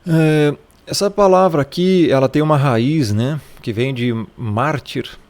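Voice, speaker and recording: A man's voice: fairly high pitch, unhurried, darkish tone. A man teaching a casual Bible lesson, explaining Greek pronunciation in a conversational way and repeating his points.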